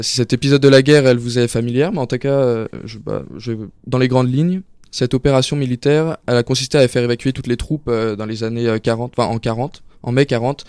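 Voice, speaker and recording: A man presenting a student radio segment about a film, halting, with many fillers and restarts. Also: mid-range voice, a little mellow, smooth, no room sound. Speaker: student columnist. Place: radio studio.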